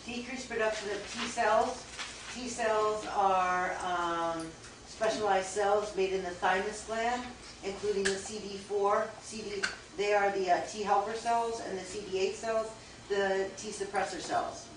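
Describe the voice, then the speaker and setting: A naturopathic doctor lectures an audience in a store event room, her mid-range voice steady and measured as she reads through lists, with a few stumbles and self-corrections. The room echoes, she's far from the mic, and there's faint hiss.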